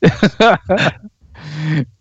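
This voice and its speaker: A man co-hosting a podcast in casual chat, relaxed and wry, laughing easily. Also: on the high side, extremely slow, husky, no room sound, highs cut off. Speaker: podcast co-host.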